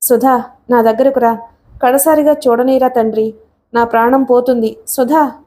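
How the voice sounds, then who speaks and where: A woman's voice: a little high, steady tone, moderate pace, mellow, natural voice. A woman voicing a frail, cowering old man who pleads in a faltering voice and then shrieks in panic, in a storybook reading. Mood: panicked.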